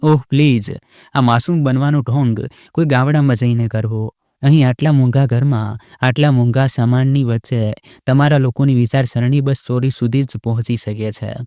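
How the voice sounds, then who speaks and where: A man's voice: mid-range voice, fairly even intonation, moderate pace, no room sound, studio quality, lightly acted. A man voicing a scornful rich young wife. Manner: sharp, taunting, shouting.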